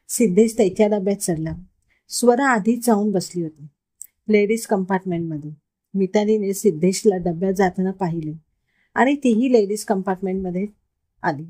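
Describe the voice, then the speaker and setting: A woman's voice: mid-range voice, dark tone. A woman telling a story aloud and slipping into light character voices for the dialogue. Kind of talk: reading a Marathi story aloud, voicing the characters.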